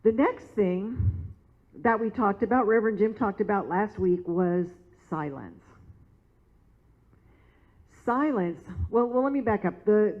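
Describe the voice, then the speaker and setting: A woman minister preaching a sermon in a conversational, storytelling manner in a church. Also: mid-range voice. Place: church sanctuary. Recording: tinny phone-like sound.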